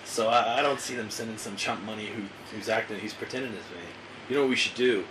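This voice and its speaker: A man's voice: on the low side, fast talker, background noise. Wry, profane man hosting a podcast. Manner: wry, profane, animated storyteller. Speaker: podcast host. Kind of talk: casual chat.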